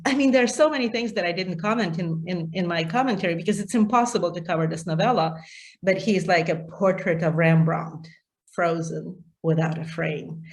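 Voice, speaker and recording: A middle-aged woman leading an informal book discussion, enthusiastic, with many fillers and restarts. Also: lowish voice. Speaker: literature discussion leader.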